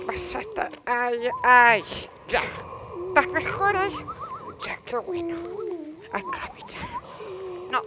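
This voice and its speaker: A woman's voice: very high voice, background noise, exaggerated voice. An actress with a Chilean accent playing an elderly woman who dotes on her houseplants, stammering and chatting back to them on stage. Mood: doting. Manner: endearments, stammering restarts, talks back to unseen plants. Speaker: stage actor. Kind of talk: theatre monologue. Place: theatre stage.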